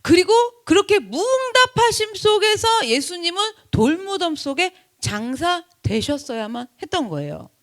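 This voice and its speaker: A woman pastor delivers an impassioned sermon in a high, bright voice. Her pitch leaps and falls widely as she swings from loud cries to hushed, low lines. She keeps questioning her listeners and answering herself. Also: big pitch swings, moderate pace, hardly any pauses. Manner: asks the congregation questions and answers them herself.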